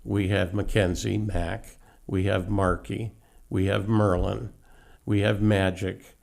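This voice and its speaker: A man's voice: on the low side, little pitch movement, takes it slowly, darkish tone. A middle-aged man who runs a horse carriage farm, telling folksy stories about his horses in a casual interview. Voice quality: gravelly. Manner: folksy, anecdotal storyteller.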